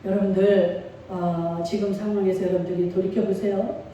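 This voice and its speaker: A woman's voice: medium pitch, flat delivery, normal speed, mellow, a little hiss or hum. A middle-aged woman pastor preaching a sermon with feeling and call-and-response. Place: church sanctuary. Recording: echoey church hall from far off.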